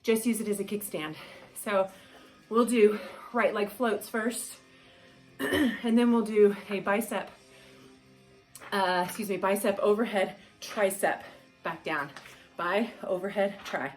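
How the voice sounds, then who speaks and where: A woman's voice: mid-range voice, slow pace, long pauses. A woman fitness instructor leading a dumbbell workout, giving upbeat cues and countdowns. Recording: echoey room, mic at a distance, faint music. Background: faint background music.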